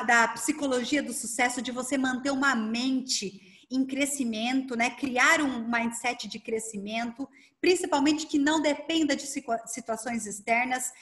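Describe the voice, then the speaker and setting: A Brazilian woman coach giving a lively online workshop, talking fast and asking herself rhetorical questions over a video call. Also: high voice. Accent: Brazilian Portuguese. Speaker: coach and speaker leading a workshop.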